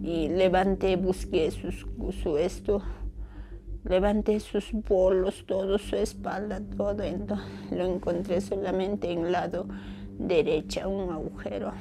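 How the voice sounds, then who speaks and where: A Peruvian mother recalls finding her wounded son, speaking in halting, quiet testimony. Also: mid-range voice, steady tone. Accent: Peruvian Spanish. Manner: halting, quiet, grief-stricken. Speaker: mother of a victim. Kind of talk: documentary testimony.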